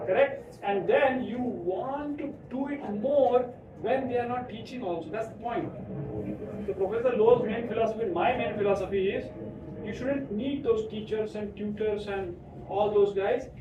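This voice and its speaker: Male host for a kids' session, higher voice, restless restarts, distant echoey room. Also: moderate pace, muffled recording, noisy background. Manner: animated, many restarts and checks like right?. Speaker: host introducing a guest to kids. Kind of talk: casual talk to children. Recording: echoey room, far from mic.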